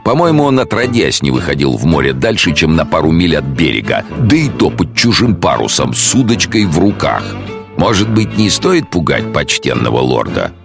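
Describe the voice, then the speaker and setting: Audiobook casting: a man voicing a rowdy prankster sea-commodore ghost, jovial and gravelly, lively swoops. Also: very deep voice, normal speed, music in the background, pitched above the performer's own voice, exaggerated voice. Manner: loud, jovial, mocking.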